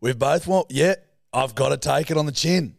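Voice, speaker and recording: A man's voice: fairly high pitch, moderate pace, gravelly, dry recording, studio quality. An Australian man co-hosting a podcast with casual, blokey, sweary banter. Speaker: podcast co-host.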